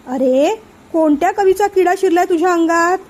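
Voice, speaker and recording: A woman's voice: very high-pitched, moderate pace, a little mellow, pitched above the performer's own voice. A woman reading a teasing, level-headed young wife. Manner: teasing, jokey.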